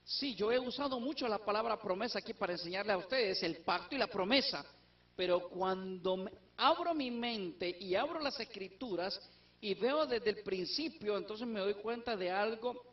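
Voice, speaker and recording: A man's voice: sits high, normal speed. Man, Bible teacher, explanatory, rhetorical questions, dull lo-fi sound. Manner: explanatory, asks and answers his own questions. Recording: distant, dull lo-fi recording.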